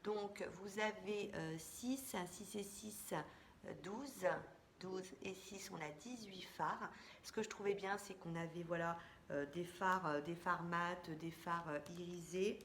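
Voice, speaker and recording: A woman's voice: fairly low pitch, slow pace, fairly bright tone. A woman in a casual, friendly beauty vlog, chatting straight to her viewers as she shows a makeup haul. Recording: echoey room with faint background hiss.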